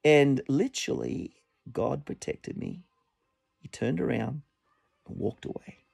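A man preaching a sermon, telling a personal story with an animated delivery and a voice that jumps up when he quotes people. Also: slow pace, gravelly, husky, no echo. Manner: animated storytelling, voice rising high when quoting.

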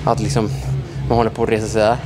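A young man vlogging in a large gym, sore and worn out, talking haltingly with many fillers. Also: lowish voice, completely flat delivery, noisy background. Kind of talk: casual vlog chat. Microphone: handheld mic. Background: music playing.

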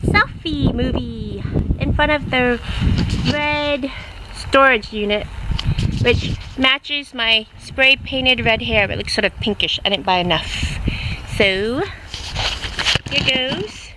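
A woman's voice: a little high, takes it slowly. A woman chatting playfully on a casual outdoor vlog, recorded on a handheld camera in a yard. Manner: playful, laughing, repeats what she's told. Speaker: vlogger. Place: outdoor yard by a container and gate. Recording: loud outdoor noise.

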